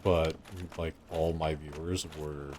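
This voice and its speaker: A man's voice: rumbling low, level tone, takes it slowly, a little mellow, slight background noise. A man streaming a game live, chatting with his viewers in a rambling, joking way over game music. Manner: rambling, chatty with chat, jokey. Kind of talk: live gameplay commentary.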